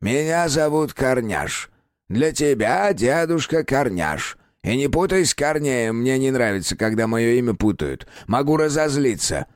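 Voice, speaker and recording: A man voicing a small, furry, ancient house spirit in an audiobook, creaky and grumbling, teasing the boy he talks to. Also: mid-range voice, big pitch swings, a little slow, dry recording, clean studio sound, voice pushed up. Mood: grumpy. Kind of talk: audiobook character voice.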